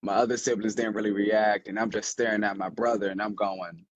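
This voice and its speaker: Low-voiced young man, heartfelt rambling. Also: level tone, a little fast, no echo. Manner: rambling, heartfelt storytelling with many fillers. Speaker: podcast co-host. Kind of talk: casual conversation.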